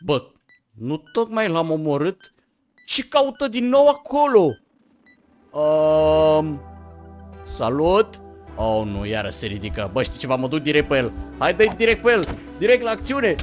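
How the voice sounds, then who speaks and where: A young man giving excited gameplay commentary, talking straight to viewers and swinging from hushed murmurs to sudden yelps. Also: fairly high pitch. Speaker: gaming YouTuber. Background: game music.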